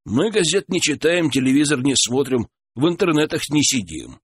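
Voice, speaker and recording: A man voicing a calm, polite, curious middle-aged traveller in an audiobook. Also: on the high side, normal speed, husky.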